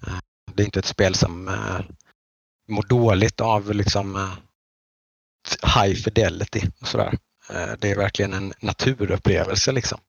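A man's voice: lowish voice, fairly even intonation, gravelly, slightly rough, no echo. A man from the Nordic countries chatting casually as a podcast host, rambling with many halts and restarts. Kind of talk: casual chat. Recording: dull lo-fi dry recording.

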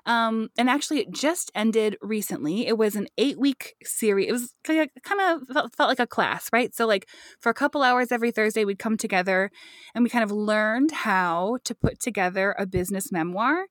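A woman's voice: on the high side, expressive, moderate pace, a bit bright, no echo, clean studio sound. A woman chatting casually as a gushing, giggly podcast co-host, recorded inside a closet. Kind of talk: casual chat. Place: inside a sizable home clothes closet.

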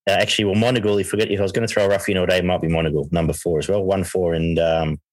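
An Australian man hosts a horse racing preview as a podcast host and tipster, talking casually and thinking aloud while giving his tips. His low voice holds a steady tone at a racing pace. The recording is dry, with no room sound.

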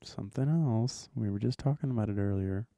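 A man's voice: fairly low pitch, fairly quick, warm tone, no room sound, studio quality. A man in his twenties co-hosting a podcast in casual, joking chat. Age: 20s. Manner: joking, teasing. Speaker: podcast co-host.

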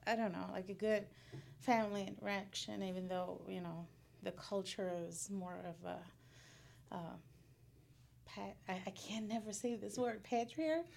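A woman in her thirties from Puerto Rico, a guest in a casual interview, talking in halting bursts and laughing often. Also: mid-range voice, steady tone, vocal fry, darkish tone, a little hiss or hum. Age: 30s.

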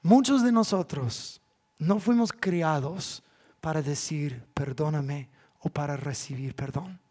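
A man, a pastor preaching a sermon in church, swinging from loud, drawn-out appeals to hushed asides. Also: a little high.

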